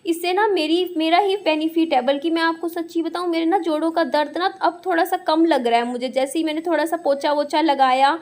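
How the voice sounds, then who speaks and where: A woman's voice: very high-pitched, steady tone, fairly quick, hardly any pauses. A young woman narrating her day in a chatty, rambling vlog, full of fillers. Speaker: vlogger.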